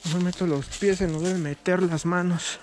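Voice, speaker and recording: A woman's voice: on the low side, steady tone, moderate pace, darkish tone, soft background music. A woman with a Mexican accent chatting nervously and casually in slang on an outdoor night exploration vlog. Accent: Mexican Spanish. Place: outdoors in rough woodland at night. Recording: noisy outdoor field recording with clicks.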